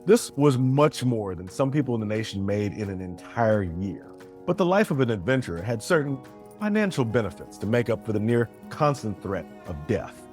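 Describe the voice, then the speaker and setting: A man's voice: fairly low pitch, normal speed. Man narrating a fantasy tale over music. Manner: steady, descriptive storytelling.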